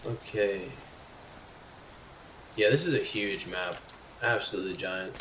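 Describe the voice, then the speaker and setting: Man, live gameplay streamer, excitable, swears when startled, roomy echo, sits back from the mic, noisy background. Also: sits low, unhurried, distant mic. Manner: excitable, yelps and swears at sudden scares; chats to an in-game companion. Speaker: gaming streamer. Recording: echoey room, off-mic, noisy.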